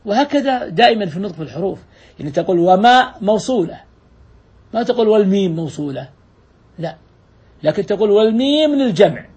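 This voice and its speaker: Husky male grammar teacher, questioning class. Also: high-pitched, big pitch swings, quick pace, pauses often, darkish tone. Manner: explains step by step, repeats examples, asks the class questions.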